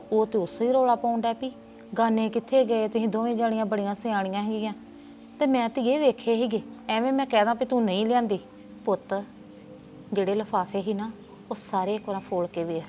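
A woman's voice: mid-range voice, a little mellow, highs cut off. A woman playing an aunt in a family drama, soothing at first and turning indignant. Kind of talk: Punjabi family drama dialogue.

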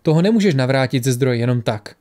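A man voicing a calm, aloof wizard. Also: medium pitch, close to an everyday voice. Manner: calm, matter-of-fact.

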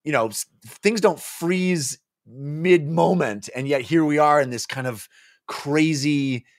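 This man in his forties has a fairly high voice and speaks slowly, co-hosting a book club show over a video call from his home office. He recaps a story descriptively in casual conversation, now and then acting out a character's line. The recording is dry and studio-quality, picked up by a close desk microphone.

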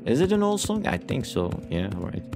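Hosting a let's play on his gaming YouTube channel, this man speaks at normal speed in a sing-song, mid-range voice. His commentary is casual, rambling and playful, full of repeated phrases, and he seems short on sleep. Music plays underneath.

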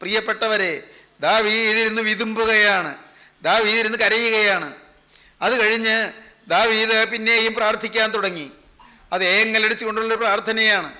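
Bright, high-voiced man preaching a sermon. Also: little pitch movement, normal speed. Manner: emphatic, builds on repeated phrases.

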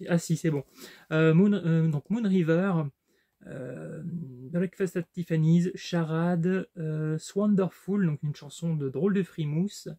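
A man's voice: on the high side, vocal fry, dark tone. A man casually showing his book collection in a vlog, talking with lots of fillers and restarts. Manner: hesitant, many fillers and restarts. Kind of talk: casual unboxing vlog chat.

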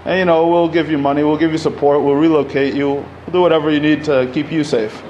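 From a podium in a community center hall, a man in his thirties originally from Egypt gives a public talk as a panel speaker. His voice is on the high side and darkish, with little pitch movement, and he speaks at a quick pace, casually and with lots of fillers and restarts. The lo-fi podium mic recording has a little hiss or hum.

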